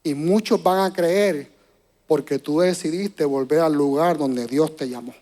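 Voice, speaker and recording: A man preaching a sermon to a church congregation, moving between hushed and loud passages and often repeating words as he searches for them. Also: a little high, unhurried. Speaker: pastor.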